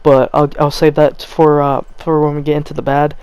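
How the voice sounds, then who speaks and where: A man's voice: on the high side, flat delivery, moderate pace, a little mellow, clean tone, dry recording. A young man giving a rambling, unscripted rant as a gaming channel host, stammering and restarting as he talks while feeling cold. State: cold, stuttering. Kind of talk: unscripted gameplay commentary rant.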